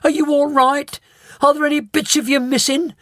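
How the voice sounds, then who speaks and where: A man voicing a frantic, shrieking mother who wails and screams in a very high voice. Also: lively intonation, moderate pace, no room sound, clean studio sound. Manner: wailing, screaming. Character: frantic shrieking mother, middle-aged woman.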